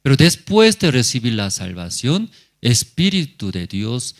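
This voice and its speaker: A man's voice: medium pitch, sing-song, a little slow. A male pastor preaching a sermon at a church service, speaking in short, simple phrases and often turning to the congregation with questions.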